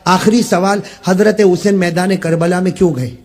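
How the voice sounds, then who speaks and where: A man preaching an impassioned sermon to a gathering. He questions the listeners directly and swings from low, confiding talk to loud shouted peaks. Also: steady tone, normal speed.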